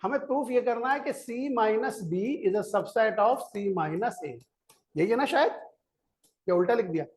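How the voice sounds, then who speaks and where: A male maths teacher lectures unhurriedly in a high-pitched, expressive voice with a darkish tone. He keeps quizzing his students and repeating each step, coaxing them to listen first and write afterward.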